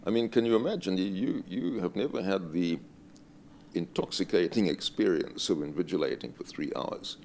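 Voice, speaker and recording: A man's voice: low voice, animated, moderate pace, darkish tone, slight background noise. An older man, a retired university invigilator, telling dry, self-deprecating stories in an interview.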